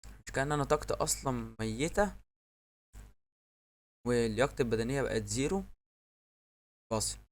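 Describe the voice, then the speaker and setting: A man with an Egyptian accent giving excitable live commentary on his own football video game, yelling at the referee and his players. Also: medium pitch, fairly quick, long pauses. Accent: Egyptian Arabic. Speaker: gamer.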